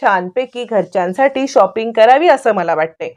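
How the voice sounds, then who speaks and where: A feisty young wife who snaps back and won't give in, as a woman reads her. Her voice rides high and a bit sulky. It's a soap-serial retelling. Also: expressive, normal speed, a little mellow, natural voice. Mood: defiant. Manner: defiant, sulky.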